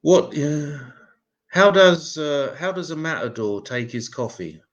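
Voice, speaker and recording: Guy doing deadpan one-liners, mocks himself, stand-up set. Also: on the high side, unhurried, dull audio. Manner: deadpan, self-mocking. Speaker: stand-up comedian.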